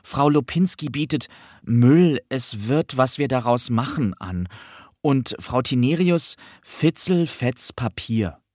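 A man's voice: medium pitch, expressive, slow, a little mellow, no echo, clean studio sound, pitched above the performer's own voice. A man voicing an eager, chatty young schoolgirl who lists things in a singsong way. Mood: listing.

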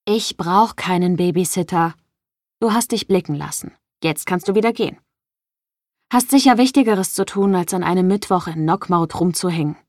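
A woman's voice: on the low side, moderate pace, darkish tone, dry recording, natural voice. Curt, arrogant young man, cold and lecturing; a woman reads him, dry close sound. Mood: dismissive.

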